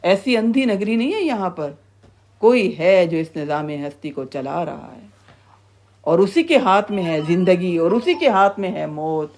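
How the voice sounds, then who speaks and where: A woman teaches a Quran tafseer lesson in an expressive, darkish voice. She speaks animatedly, repeats phrases for emphasis, and climbs to a high, scolding pitch when quoting warnings.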